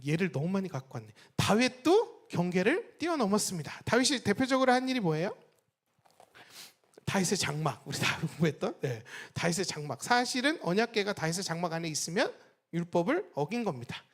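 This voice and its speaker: A woman's voice: mid-range voice, sing-song, brisk. A woman pastor preaching a sermon, often putting rhetorical questions to her congregation. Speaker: senior pastor.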